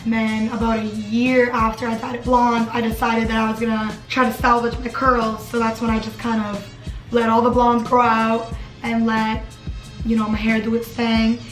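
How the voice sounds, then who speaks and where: A woman's voice: fairly high pitch, completely flat delivery, normal speed, echoey room, soft background music, poor audio. A woman in her twenties chatting casually in her dorm room as a vlogger, filling her talk with "like". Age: 20s. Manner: chatty, lots of "like" fillers. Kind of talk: casual chat.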